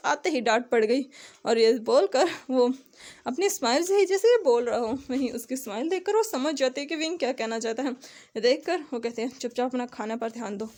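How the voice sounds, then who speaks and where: A woman's voice: sits high, lively intonation, moderate pace, a little mellow. A woman narrating a story retelling in a conversational way, sometimes correcting herself.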